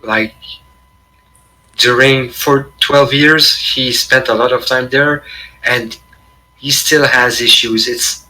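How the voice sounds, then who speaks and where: Bright-voiced man, laughing player. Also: mid-range voice, fairly even intonation, slow, long pauses, poor audio. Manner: laughing, easygoing. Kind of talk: casual chat.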